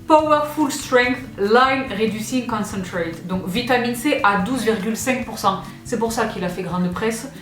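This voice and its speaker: A woman's voice: fairly high pitch, unhurried, few pauses. Gushing woman vlogger in her thirties. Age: 30s. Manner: gushing and excitable, squeals. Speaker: beauty vlogger. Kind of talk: casual chat unboxing products. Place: indoors, seated. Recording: roomy echo with faint music.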